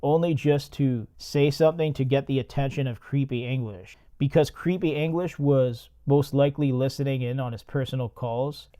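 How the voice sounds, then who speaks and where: A podcast host with a mellow, medium-pitched voice recaps and reacts to a movie. He's laid-back and profane, laughing at his own jokes.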